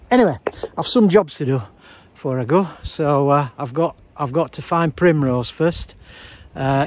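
A man in his fifties with a Sheffield-area Yorkshire accent, rambling in dialect in a deadpan, halting way, as in a casual comic vlog. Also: a little high, no echo. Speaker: comic video monologuist. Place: outdoors in a garden. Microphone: phone at arm's length.

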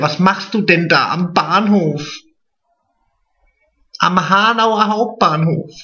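A man puts on a vain, naive middle-aged woman, gossiping straight to the camera. Her voice is bright and swoops up and down, and she draws her words out slowly. The sound is dull and lo-fi, like a home video. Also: on the high side, a little hiss or hum, heavily acted. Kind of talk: drag comedy monologue to camera.

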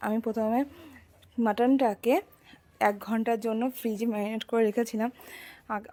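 Young woman, stuffy cold, quiet chatty vlog talk, warm mellow tone. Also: medium pitch. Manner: chatty, addresses viewers directly. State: has a heavy cold, speaking softly. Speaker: vlogger. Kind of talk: casual cooking vlog narration.

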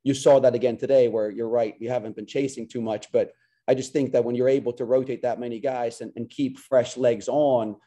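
Speaking briskly in a dark, mid-range voice with fairly even intonation, a coach in his forties handles post-game press questions from a small locker room over a video call webcam. He comes across as earnest, repeating words as he begins his sentences.

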